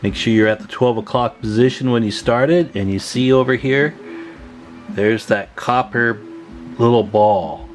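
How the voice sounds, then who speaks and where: In this casual repair video, a radio hobbyist walks through the work hands-on, musing aloud in an informal, folksy manner. His voice sits in the mid range and moves a little slowly, with soft background music underneath.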